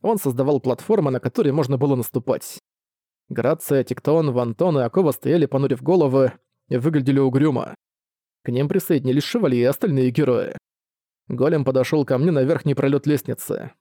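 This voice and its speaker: A man narrating a first-person novel as an audiobook reader, steady and even. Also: medium pitch, fairly quick, no room sound, clean studio sound.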